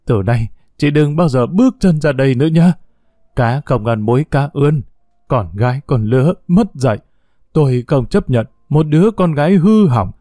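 A man's voice: medium pitch, warm tone, no echo, clean studio sound, lightly acted. A man voicing a furious, contemptuous middle-aged mother who scolds her children.

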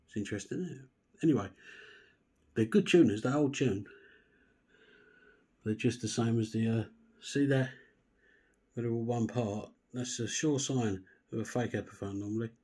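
A man with a slightly husky voice talks through his workbench repairs. He explains each step in an easygoing, chatty way, pitched in a normal middle register. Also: normal speed, long pauses, warm tone. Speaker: guitar restorer. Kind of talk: casual workshop demonstration.

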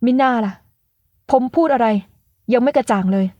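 A woman reading an audiobook and voicing a proud, quick-tempered young man who speaks sternly. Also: on the high side, dry recording, dull audio, lightly acted. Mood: irritated. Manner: stern, irritated. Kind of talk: audiobook character voice.

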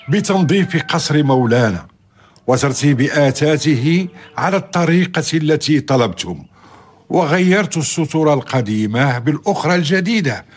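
An actor playing a respectful, eager-to-please servant of a lord in a historical radio drama, speaking formal Arabic. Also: male voice, medium pitch, close to an everyday voice. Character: deferential, grateful male servant of a lord.

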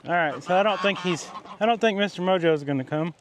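A man's voice: fast talker, a little hiss or hum. A man, chatting casually outdoors on his farm in an easygoing rural way. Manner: easygoing rural talk, calling animals in a high coaxing voice. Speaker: farmer and channel host. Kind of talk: casual farm vlog narration. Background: goats, sheep and chickens.

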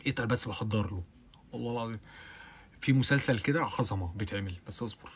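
A young man with an Egyptian Arabic accent runs an easygoing live stream, replying to viewer comments as he chats. His talk is rapid and full of oaths, punctuated by loud, high bursts of laughter.

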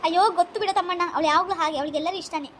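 A woman voicing a chatty cartoon girl who rattles her lines off at top speed in a very high voice. She is quick to reassure and a little bossy. A faint hiss sits underneath. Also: fairly even intonation, fairly bright tone. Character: chatty girl, the visiting childhood friend. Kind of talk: animated cartoon skit voice.

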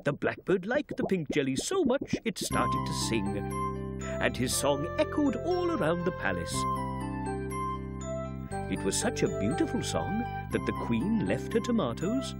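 A woman voicing a gentle, friendly creature who reads stories to small children in a sing-song way, putting on voices for the characters. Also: deep voice, huge pitch swings, unhurried, over loud music, heavily acted. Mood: storytelling. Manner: sing-song storybook reading with swooping voices. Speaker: storyteller. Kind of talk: children's television storytelling.

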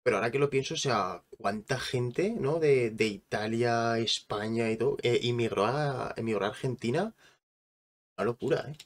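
A man's voice: mid-range voice, moderate pace. A man from hosting a reaction video, talking in a loose, rambling way with many restarts. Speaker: reaction channel host. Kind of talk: casual reaction commentary.

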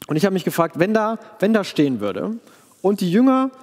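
A man with a German accent preaching a sermon in church, earnest and emphatic, slowing down on quoted verses. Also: high voice, very animated, long reverb tail. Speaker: pastor. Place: church hall, live stream.

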